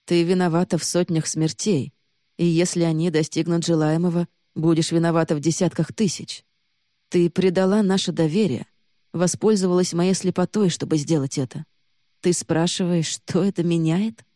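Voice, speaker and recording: A woman reading the lines of a young man who is harsh and reproachful, then hushed and urgent. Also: lowish voice, fairly even intonation, normal speed, no room sound, clean studio sound, natural voice. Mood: accusing. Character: young man, accusing, then desperately protective.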